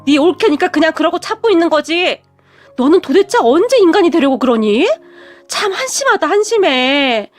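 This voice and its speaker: A woman voicing a blunt, sharp-tongued older mother-in-law who scolds her daughter. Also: high-pitched, lively intonation, moderate pace, soft background music. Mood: scolding.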